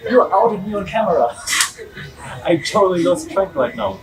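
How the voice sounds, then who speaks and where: A man's voice: high-pitched, expressive, moderate pace, recorded from a distance, faint music behind, low-quality recording. A man with a German accent hosting a podcast, chatting in a rambling way with frequent restarts and laughs. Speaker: podcast host. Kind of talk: casual interview chat.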